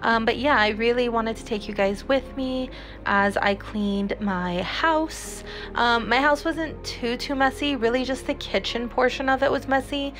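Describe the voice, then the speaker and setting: A woman's voice: a little high, unhurried, fairly bright tone, soft background music. A young woman doing a chatty, rambling voiceover at home for a cleaning vlog, with lots of fillers and restarts. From San Antonio, Texas. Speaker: cleaning vlogger. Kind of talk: casual voiceover chat.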